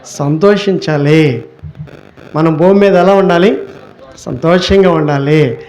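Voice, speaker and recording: Male pastor, fairly high voice, sermon delivery; poses questions then answers, stretches key words slowly. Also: a little mellow. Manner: rhetorical questions answered by himself.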